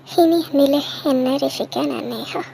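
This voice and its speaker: A woman voicing the young women in an audio drama story, speaking in a hushed, breathy, dramatic way. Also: sits high, unhurried, slight background noise, rough recording. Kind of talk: acted dialogue in a fan-fiction audio story.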